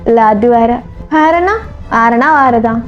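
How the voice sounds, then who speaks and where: A woman's voice: a little high, takes it slowly, muffled recording, soft background music. A woman voicing a brusque, teasing young man in a storybook role-play, talking bossily and curtly. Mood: gruff. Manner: gruff, bossy, teasing.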